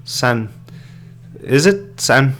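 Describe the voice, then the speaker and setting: A man's voice: medium pitch, lively intonation, very slow, a bit bright, slight background noise. An Irish man hosting a podcast live stream, rambling through hesitant casual commentary with many fillers and restarts, sipping beer as he goes. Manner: drinking beer while talking. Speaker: podcast host.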